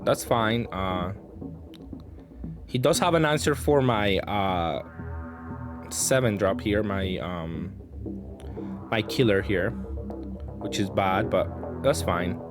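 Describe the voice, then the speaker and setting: Presenting match commentary for a card game, this man thinks out loud in a hesitant, casual way while playing. His voice is fairly low and slow, with frequent pauses, and music plays behind him.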